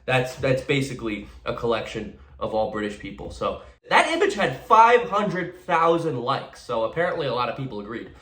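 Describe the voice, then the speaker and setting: Man, sarcastic meme commentary, stammering and rambling, medium pitch, echoey room. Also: very animated, normal speed, hardly any pauses, bright, forceful tone. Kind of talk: casual comedic commentary.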